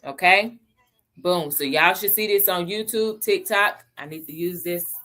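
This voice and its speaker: A woman's voice: fairly low pitch, bright, forceful tone. A woman hosting a casual livestream lesson on crypto, chatting with viewers and greeting them by name. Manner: slows down to stress key points. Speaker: livestream host teaching crypto basics.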